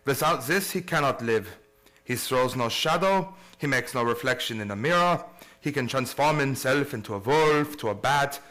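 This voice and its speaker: This old-time radio play features a man voicing a learned professor who hunts vampires, speaking in solemn, formal oratory. His mid-range voice is bright and forceful, with lively intonation at normal speed, and the mood is grave and resolute.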